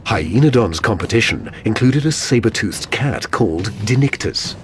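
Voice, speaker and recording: A man's voice: fairly low pitch, lively intonation, moderate pace, faint music behind. A man reading scripted documentary narration in a dramatic manner.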